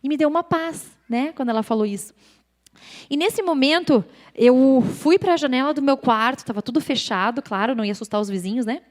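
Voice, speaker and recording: Brazilian woman, church testimony speaker, lively and conversational, slightly high voice. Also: brisk, big-room sound. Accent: Brazilian Portuguese. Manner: chatty and animated, often turns to the audience. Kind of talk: personal faith testimony to a live audience. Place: church event stage.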